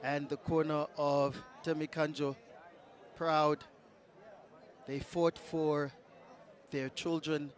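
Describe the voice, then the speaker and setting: A man's voice: fairly high pitch, little pitch movement, slow pace, pauses often. A man giving live boxing commentary. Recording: live event, music and crowd noise. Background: music and crowd.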